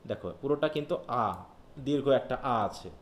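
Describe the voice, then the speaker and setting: A Bangladeshi man teaches a live online phonetics class, his medium-pitched voice moving a little fast. He explains things patiently and keeps checking whether students are following, and the room gives his voice a roomy echo.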